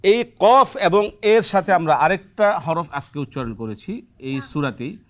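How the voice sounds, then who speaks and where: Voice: medium pitch, animated, a little slow, a bit bright. A Quran teacher on a television lesson, patiently quizzing students on letter pronunciation and often ending a point with a questioning "right?". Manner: patient and encouraging. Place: television studio.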